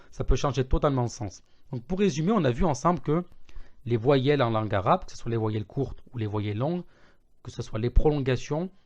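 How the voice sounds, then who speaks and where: A man giving an online language lesson, patiently repeating words slowly to contrast their sounds. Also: medium pitch, a little mellow. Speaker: Arabic teacher. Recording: slightly dull lo-fi audio.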